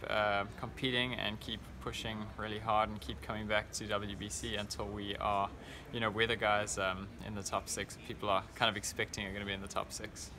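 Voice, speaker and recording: A man's voice: lowish voice, flat delivery, fairly quick, few pauses, pushed and bright. A man in his thirties with a South African accent, a coach talking casually in an interview. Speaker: team coach. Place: indoor convention venue. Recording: clear background noise, busy event venue.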